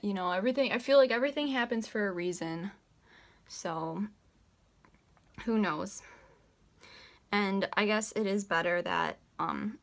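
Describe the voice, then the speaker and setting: A woman's voice: mid-range voice, a little slow, pauses often. A young woman in her late teens, short of breath, chatting casually and rambling through a makeup tutorial at home, with many "like" fillers. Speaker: beauty vlogger.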